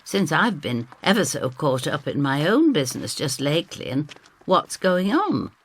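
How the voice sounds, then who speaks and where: Deep and very animated at a moderate pace, the actress plays a chatty, stubborn, loyal older Northern woman recounting her tale in an audio drama. The tone is wry and confiding, full of gossip and blunt Northern turns of phrase.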